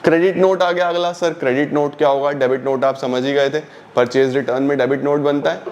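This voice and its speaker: A man's voice: medium pitch, fairly even intonation, a little mellow. A young man teaching an online accountancy lesson, explaining step by step and asking and answering his own questions. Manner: reads English definitions slowly, explains in Hindi.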